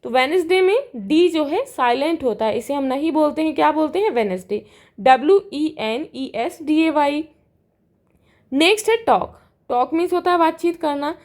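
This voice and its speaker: High-voiced woman teacher. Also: a little mellow. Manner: reads English lines slowly, then explains in Hindi. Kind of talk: worksheet lesson explanation.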